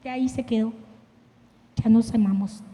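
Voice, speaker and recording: A woman's voice: fairly high pitch, fairly even intonation, normal speed, mellow. A middle-aged woman preaches a sermon on marriage, earnest and personal, sharing stories from her own life. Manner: earnest, personal and emotive, with self-deprecating anecdotes. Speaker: church leader preaching with her husband. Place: church sanctuary. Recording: long reverb of a church hall.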